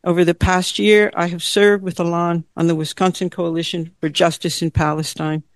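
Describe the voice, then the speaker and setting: A woman hosting an event, reading a steady, formal introduction of her guest. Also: lowish voice, normal speed, no echo.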